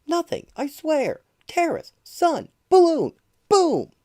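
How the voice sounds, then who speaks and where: A man's voice: extremely high pitch, huge pitch swings, takes it slowly, dark tone, pitched above the performer's own voice, full character voice. A man playing an indignant, cheeky young prankster uncle in a comic-book radio play, clipped and exclamatory.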